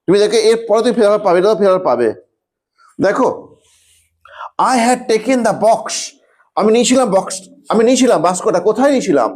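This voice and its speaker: High-voiced male grammar teacher quizzing students. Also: darkish tone. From West Bengal, India. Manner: coaxing, quizzes students with rhetorical questions; repeats phrases slowly while writing on a board. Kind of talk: online class lesson.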